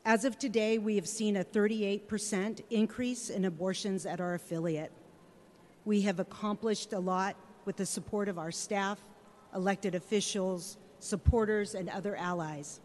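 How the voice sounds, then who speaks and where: Woman, organisational leader at a podium, medium pitch, formal measured speech in short phrases, long hall reverb. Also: steady tone, darkish tone, slight background noise. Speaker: nonprofit chief executive, guest speaker.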